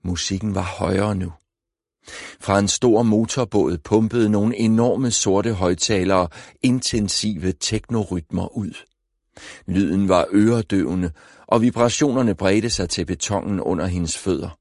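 Low-voiced man narrating an audiobook. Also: a little mellow, no echo, studio quality. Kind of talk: scripted narration.

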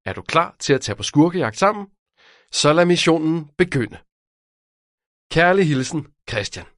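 A man's voice: on the high side, dry recording, clean studio sound. A man, the author, narrating his own children's detective audiobook and speaking directly to a young listener. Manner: lively, addressing a child listener.

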